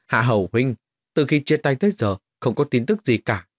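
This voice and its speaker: A man voicing a cunning young male archer hero in a storybook reading, with sly, hearty speech in a slightly husky voice. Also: mid-range voice, very animated, normal speed, no echo.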